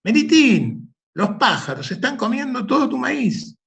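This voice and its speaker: A man voicing village neighbors who shout a warning from afar to a boy, in a spoken folk tale. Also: big pitch swings, measured pace, vocal fry, heavily acted. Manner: high, loud calling out from a distance.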